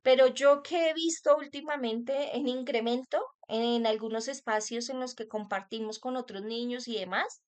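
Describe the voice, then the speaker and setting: An earnest woman, speaking as a mother leading a parenting workshop. Her voice sits a little high, and she talks directly to parents, often asking them rhetorical questions. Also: moderate pace, hardly any pauses, clean tone. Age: adult parent. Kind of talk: talk on child wellbeing.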